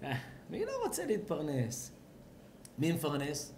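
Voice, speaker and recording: A rabbi preaching at a home gathering, his high voice swooping up and down as he asks the listeners questions and acts out little scenes. He sometimes bursts into a shout. A faint room hum sits behind him. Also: huge pitch swings. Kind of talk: lively sermon at a house blessing.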